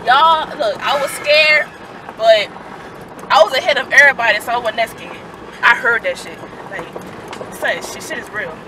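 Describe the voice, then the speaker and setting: Very high-voiced excitable young man. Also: normal speed, recorded from a distance, noisy background. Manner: excited, insistent, slangy. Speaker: friend. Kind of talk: casual chat with friends.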